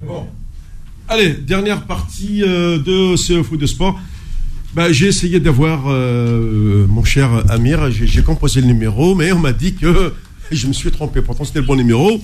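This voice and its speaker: A man hosting a live radio sports show from a studio, talking in a relaxed, halting way with many fillers. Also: a little high.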